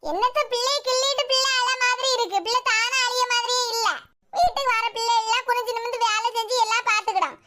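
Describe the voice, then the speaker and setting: A woman's voice: extremely high pitch, fairly even intonation, fast, pushed and bright. A woman voicing a scolding old village mother-in-law in a cartoon, with a nagging, complaining manner. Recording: noisy background.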